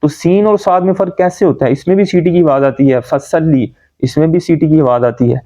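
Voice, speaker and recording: A man teaching correct Quran recitation, explaining common pronunciation mistakes and then reciting words slowly to demonstrate. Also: fairly high pitch, mellow. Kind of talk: tajweed lesson.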